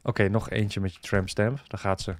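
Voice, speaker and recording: A man's voice: fairly low pitch, fairly even intonation, normal speed, a crowd in the background. A man casually commentating on a game he is playing, joking and bantering with the characters on screen. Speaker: gaming video host. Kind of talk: casual let's-play commentary.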